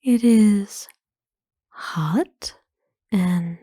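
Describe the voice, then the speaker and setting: A woman voices an ancient vampire noblewoman for ASMR roleplay, a kind, courtly female vampire owner centuries old who dotes gently. Her medium-pitched voice has a very dark, soft tone and comes as a breathy whisper, formal, tender, and unhurried, with slow, hesitant pauses as she sounds surprised and unsure. A close, dry microphone gives clean studio sound without echo.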